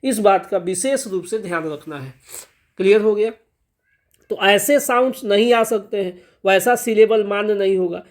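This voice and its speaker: Guy with a fairly high voice running an english lesson, keeps asking if it's clear, stretches the sounds out slow. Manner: repeats "clear ho gaya" and "theek hai" as check-ins; slow, drawn-out enunciation of example sounds. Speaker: English teacher. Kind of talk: classroom-style explanation.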